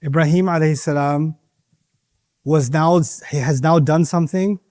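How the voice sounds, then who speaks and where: Playful man teaching kids in a mosque, high voice, dry close sound. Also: steady tone, moderate pace, darkish tone, dry recording. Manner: playful, teasing, acts out dialogue. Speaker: teacher of young audience. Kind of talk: interactive religious lesson.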